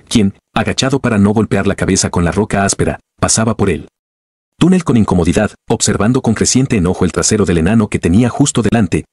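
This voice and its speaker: Male storyteller, husky and low, dry close sound, steady dramatic read. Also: no room sound. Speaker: narrator. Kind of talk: scripted story narration.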